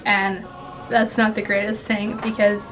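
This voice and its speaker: Here the vlogger, a woman in her 20s, uses a medium-pitched, level voice at a measured pace while giving rambling, giggly interview tips to the camera. She talks casually from a small indoor room at home, and the recording is rough.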